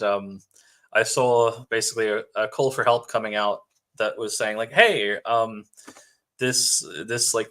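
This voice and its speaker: An Australian man with a faintly American tinge to his accent speaks as a guest. His voice is bright, and his easy manner is sprinkled with fillers. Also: fairly low pitch. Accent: Australian, sounding partly American. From Western Australia. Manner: relaxed, uses many fillers. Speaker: infrastructure engineer guest. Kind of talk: casual conversation.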